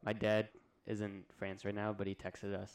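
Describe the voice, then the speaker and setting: A man's voice: lowish voice, normal speed, slight background noise. Young man telling a story on a podcast. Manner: relaxed storytelling, laughs easily. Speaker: podcast co-host. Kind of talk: casual chat.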